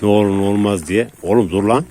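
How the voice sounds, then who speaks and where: A lowish male voice, talking casually as he calls and soothes his dogs outdoors. He coaxes, chuckles and drops to a hush to calm them. The faint hiss of an open rural yard sits under the phone recording. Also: quick pace. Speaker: dog owner filming his dogs.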